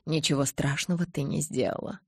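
A woman reading the part of a calm, icy vampire man, speaking low and measured. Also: gravelly, slightly rough, no echo, studio quality, heavily acted. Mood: cold calm.

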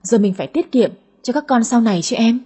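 A woman's voice: on the high side, lively intonation, fairly quick, dark tone, husky. A woman voicing a hesitant, thrifty young man on a date in an audio story. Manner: hesitant, timid.

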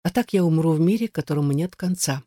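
A man reading the lines of a frail, bitter dying old woman in an audiobook, with a quiet, sorrowful delivery. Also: on the high side, fast talker, no room sound, clean studio sound, lightly acted.

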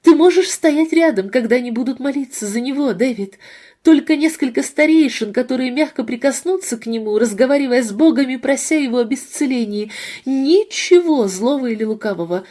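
A woman's voice: fairly high pitch, lively intonation, normal speed, hardly any pauses, mellow. A woman voicing an earnest young wife who pleads with her husband in a read-aloud novel. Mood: pleading. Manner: pleading, urgent.

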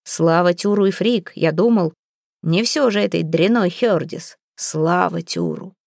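A woman voicing an excitable, stern chieftain father in a read-aloud story. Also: on the low side, unhurried, gravelly, no room sound, studio quality, exaggerated voice. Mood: excited. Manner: agitated, exclaiming.

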